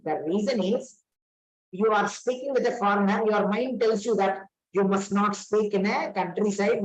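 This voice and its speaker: A woman's voice: medium pitch, poor audio. A woman giving a training lecture on communication skills, repeating her points and checking in with rhetorical questions.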